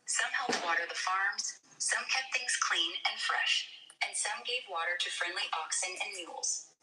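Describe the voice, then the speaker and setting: A woman's voice reading a children's storybook in an even, smooth narration with no slips. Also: mid-range voice, measured pace. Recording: distant roomy voice with music.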